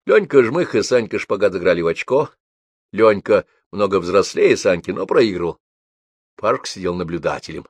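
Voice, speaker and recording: A man reads a novel aloud in a very deep voice. He keeps a measured, even storytelling pace, and the recording is dry with no room sound. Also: no room sound. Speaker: audiobook reader. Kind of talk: scripted narration of a novel.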